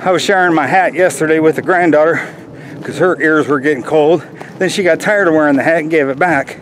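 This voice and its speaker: A middle-aged American man chatting casually to viewers in an unhurried way while walking outdoors, recorded on a built-in microphone with wind noise. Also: fairly high pitch, fairly bright tone, low-quality recording. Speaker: hiking vlogger. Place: outdoors in a windy wooded park. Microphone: camera's built-in microphone while walking. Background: wind, faint outdoor noise.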